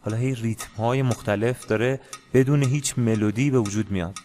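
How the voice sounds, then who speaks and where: A man teaching a music lesson in a casual, hesitant way, with many pauses and fillers. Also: medium pitch, dark tone, slight background noise. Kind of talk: casual screen-share lesson.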